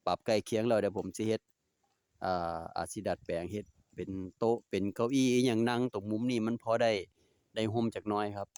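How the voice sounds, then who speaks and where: A lowish, smooth male voice with a darkish tone and no room sound. Speaking with a Northeastern Thai Isan accent, this DIY vlogger chats casually and politely while working in his home yard, using polite particles and talking to his dogs.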